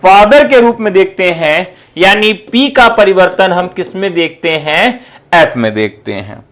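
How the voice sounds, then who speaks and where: A man's voice: sits high, expressive, unhurried, a bit bright. A male teacher giving an online exam-prep lesson, asking questions and answering them himself, repeating key terms for emphasis. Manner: addresses students as companions.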